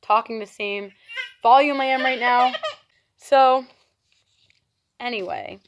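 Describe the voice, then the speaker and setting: A young woman from New telling an exasperated, animated storytime vlog at home. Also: fairly high pitch, takes it slowly, background noise. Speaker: reptile keeper vlogger.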